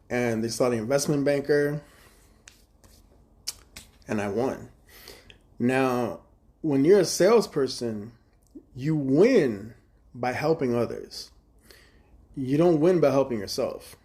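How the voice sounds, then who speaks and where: A man's voice: medium pitch, a little mellow. A man telling a story from his banking job on a casual live stream, swearing freely and acting out both sides of each conversation. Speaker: livestreamer telling a work story.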